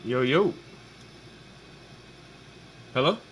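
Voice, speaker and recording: A man's voice: medium pitch, animated, drawn-out words, noisy background. A man calling in from upstairs in a studio, his voice on a choppy phone line that keeps breaking up as he checks whether he can be heard. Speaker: caller. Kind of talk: casual chat over a call.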